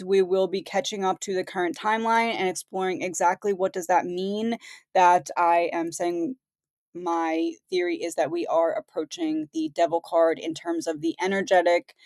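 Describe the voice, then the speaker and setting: A woman's voice: on the low side, fairly even intonation, normal speed, darkish tone, dry recording, studio quality. A woman losing her voice, reading out headlines and commenting on them in a conversational way as host of her own channel. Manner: conversational, reads headlines aloud. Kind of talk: casual commentary.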